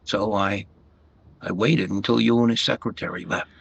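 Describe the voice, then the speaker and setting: A man playing a meek, cornered murderer confessing in a radio detective drama, halting and apologetic. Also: on the low side, fairly even intonation, gravelly, husky, dull audio. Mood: remorseful, panicked.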